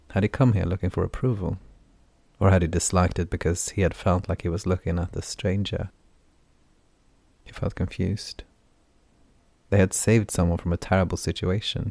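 A man narrating a fantasy novel in an even, measured reading. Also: low voice, no echo. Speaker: audiobook narrator.

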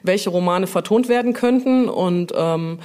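In a warm, fairly low voice and an unhurried manner, a brand manager chats informally on a podcast about what she does. Little tag questions pop up often as she checks for agreement.

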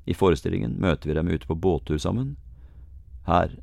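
A man hosting a podcast, telling a scripted story in a lively, wry way. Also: deep voice, gravelly, no room sound, clean studio sound. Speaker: podcast host. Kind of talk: scripted narration.

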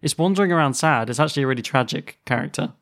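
A podcast co-host tells paranormal stories in loose, casual chat, laughing often and trailing off with fillers. His voice is fairly high and fairly bright, expressive and creaky, and he speaks in rapid-fire bursts.

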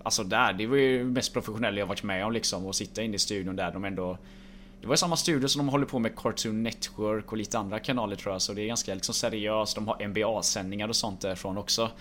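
A young man telling a travel story in a relaxed, rambling way, with many filler words. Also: lowish voice, slight background noise. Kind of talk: casual storytelling chat.

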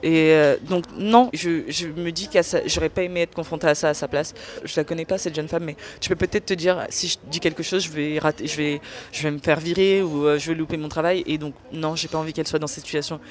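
A young woman in an interview, speaking candidly and earnestly about her own experience, often pausing to search for words. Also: low-pitched, steady tone. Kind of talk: candid personal testimony.

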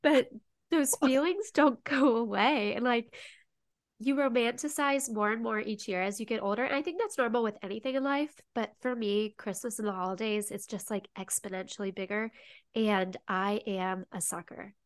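A woman's voice: a little high, normal speed, no echo, clean studio sound. Emotional, chatty young woman. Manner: chatty, emotional, says "like" often. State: tearful, sniffly. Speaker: podcast co-host. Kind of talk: casual chat.

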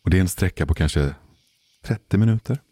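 A man telling a personal story in a casual, measured way, pausing for suspense. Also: deep voice, dark tone, no echo, studio quality. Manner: measured, deliberate pauses for suspense. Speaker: podcast storyteller.

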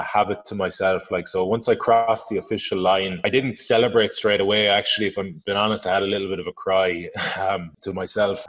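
Low-voiced west of Ireland man, reflective. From Galway, west of Ireland. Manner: reflective, halting, informal. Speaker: adventurer guest. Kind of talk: conversational interview storytelling.

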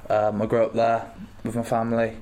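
A young man in his twenties speaks in a low, level voice with little rise and fall. He answers interview questions haltingly, pausing and filling gaps as he goes. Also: completely flat delivery, darkish tone. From England. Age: 20s. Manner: halting, with many pauses and fillers. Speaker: rugby player guest.

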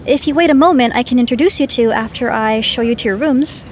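An actress playing a polite, attentive inn hostess giving a room tour. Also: female voice, on the high side, quick pace, slight background noise, lightly acted. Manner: courteous, descriptive tour-guide tone.

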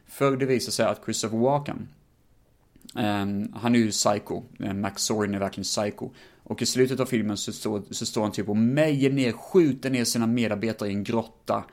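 A man with a somewhat low voice hosts a podcast episode on his own. He talks through a film in a loose, rambling style, full of fillers and casual swearing. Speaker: podcast host. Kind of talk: casual film review monologue.

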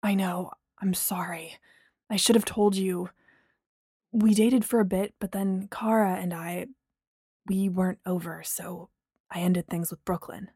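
A woman narrator voicing a calm young man who speaks low and hushed. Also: a little slow, breathy edge, dry recording, studio quality. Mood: apologetic.

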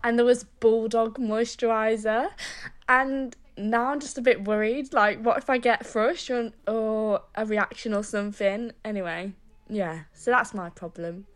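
A woman's voice: fairly high pitch, steady tone, measured pace. A young woman calling in to a podcast, sheepishly telling her problem in a casual way. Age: young adult. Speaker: caller. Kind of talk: recorded listener question.

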